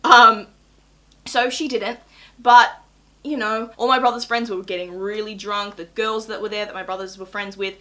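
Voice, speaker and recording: A nineteen-year-old Australian woman telling a casual storytime to camera in a chatty, gossipy, excitable way with dramatic emphasis. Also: medium pitch, normal speed. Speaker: YouTube vlogger.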